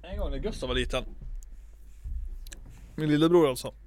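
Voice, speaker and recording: A man's voice: a little high, darkish tone, a little hiss or hum. A man in casual podcast chat who laughs often and tells stories with emphatic repetition and casual swearing.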